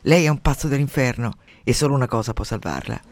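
A man's voice: medium pitch, quick pace, no room sound, lightly acted. A man voicing an indignant village priest who scolds in outrage, in a radio story reading. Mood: outraged.

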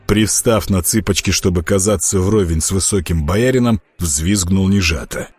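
A man narrating an audiobook in an expressive storytelling manner. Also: low voice, moderate pace, husky, dry recording. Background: faint music.

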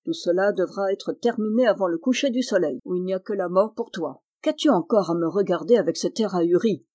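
A woman voicing a harsh, menacing witch who scolds and commands loudly, with a slightly husky voice. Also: lowish voice, brisk, dry recording, natural voice. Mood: scolding. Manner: loud, scolding, imperious.

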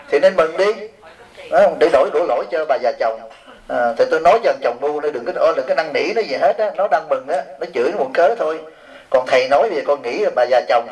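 A middle-aged male monk delivers a light-hearted dharma talk, reading out questions from followers. His voice sits a little higher than most men's. He jokes and teases, tossing rhetorical questions back to the audience. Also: poor audio. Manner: joking, teasing, peppered with rhetorical questions to the audience. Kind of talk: humorous sermon answering written questions.

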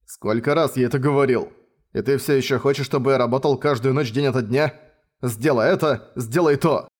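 A man's voice: mid-range voice, brisk, natural voice. A man reading the lines of a blunt, exasperated young man worn out by night work, in an audiobook. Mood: irritated. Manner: blunt, irritated, sarcastic.

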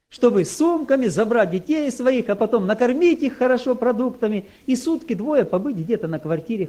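A male preacher telling a story in a sermon, his fairly high voice swooping widely as he animates every turn. The tone stays dark and mellow despite the lift. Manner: animated storyteller, acts out quoted speech.

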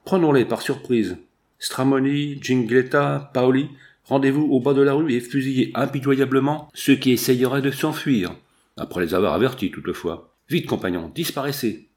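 A man voicing an imposing male leader of a rebel band who gives brisk commands. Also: medium pitch, darkish tone, natural voice. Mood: commanding. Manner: commanding, giving orders.

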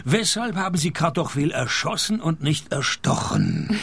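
Gravelly, deadpan noir private detective. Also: male voice, on the high side, measured pace, exaggerated voice. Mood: dry, needling. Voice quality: gravelly, raspy. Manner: deadpan, sardonic, dry wisecracks. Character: wry, world-weary male private detective narrating his case. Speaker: lead character and narrator. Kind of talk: noir detective radio drama, deadpan narration and dialogue.

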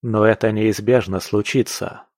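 A man narrating a fantasy audiobook in a steady, plain storytelling manner. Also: on the low side, measured pace, no echo, clean studio sound. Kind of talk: scripted fiction narration.

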